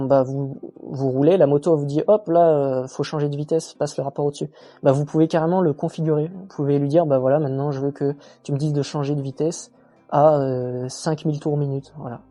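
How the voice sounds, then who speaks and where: A man giving a casual, chatty motorcycle walkthrough, relaxed and full of fillers and self-mocking jokes. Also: a little high, no echo. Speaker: motorcycle reviewer.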